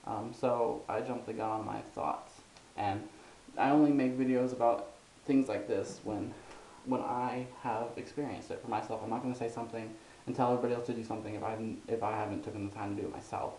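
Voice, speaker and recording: A young man rambles through a personal vlog, pausing on ums and restarting his sentences. His mid-pitched voice bounces around a roomy, echoey space with a faint hiss underneath. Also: steady tone, warm tone. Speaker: vlogger.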